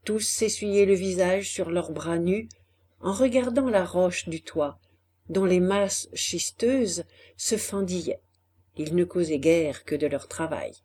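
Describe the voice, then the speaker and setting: A woman reading a classic novel aloud as an audiobook narrator, in a measured, deliberate way. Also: fairly low pitch, dark tone, breathy edge. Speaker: audiobook reader. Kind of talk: scripted literary narration.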